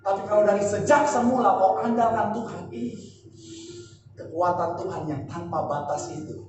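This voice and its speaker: High-voiced preaching man, echoey hall. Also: normal speed, soft background music. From Indonesia. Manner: emphatic preaching with rhetorical questions. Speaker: pastor. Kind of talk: sermon. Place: large church hall. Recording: echoey church hall from far off.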